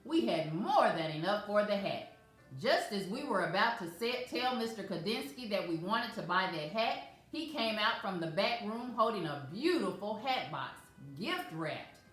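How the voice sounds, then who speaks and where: A woman reads a children's picture book aloud, gentle and measured. Her mid-pitched voice rings out in a very echoey room. Faint music plays behind her. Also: very animated. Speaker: children's storyteller.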